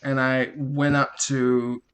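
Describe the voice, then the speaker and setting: A man in his thirties co-hosting a casual podcast chat, telling lively stories and laughing at his own tales. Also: medium pitch, slow, clear, resonant tone. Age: 30s. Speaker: podcast co-host.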